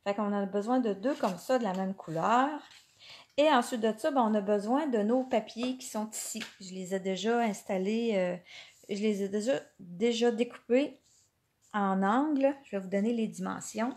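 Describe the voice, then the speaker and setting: A woman's voice: medium pitch, moderate pace, a little mellow. Chatty Quebec French woman teaching crafts. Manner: chatty, hesitant, many fillers and self-corrections. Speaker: card-making instructor. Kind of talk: live craft tutorial.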